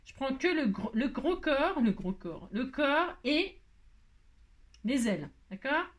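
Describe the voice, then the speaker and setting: A woman hosting a casual craft tutorial, chatting to viewers in a rambling, hurried, self-mocking way with many asides. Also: high voice, very animated.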